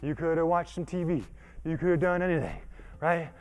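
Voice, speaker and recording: While exercising, a man coaches with an emphatic, chatty pep talk, regularly checking in and getting out of breath as he works. His slightly high voice keeps a steady tone and moves a little fast.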